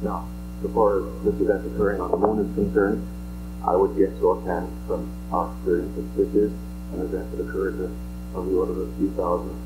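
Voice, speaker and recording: A man speaks in a low, flat voice as a scientist answering the press. He is measured and analytical, offering tentative judgments over a humming archival recording. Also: poor audio. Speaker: scientist, seismic investigator. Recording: archival audio with background hum.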